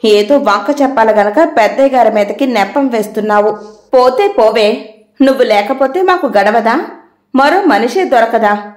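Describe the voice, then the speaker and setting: A woman voicing a caring but quick-tempered housewife who scolds and questions sharply. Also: a little high, reverberant, close to an everyday voice. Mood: scolding.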